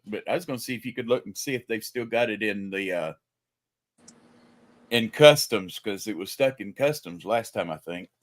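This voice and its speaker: A man's voice: medium pitch, no echo. An older man, a grandfather, chatting casually and telling stories on a livestream. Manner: chatty storyteller. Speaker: livestream panelist. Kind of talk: casual chat.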